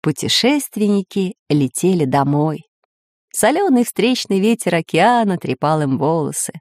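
Expressive woman reading a storybook. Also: on the low side, measured pace, dry recording, studio quality. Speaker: narrator.

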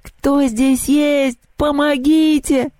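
A man's voice: extremely high pitch, little pitch movement, very slow, darkish tone, no echo, pitched above the performer's own voice, full character voice. A man reading an audiobook voices a panicky, tearful schoolgirl who wails and shrieks in hysterics. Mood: panicked. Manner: wailing, hysterical.

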